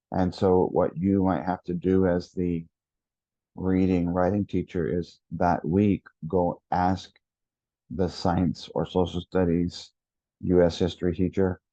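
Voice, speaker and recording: A man giving a lesson to teachers, speaking deliberately and repeating key words for emphasis. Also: sits low, dark tone, no echo, dull audio. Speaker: education consultant.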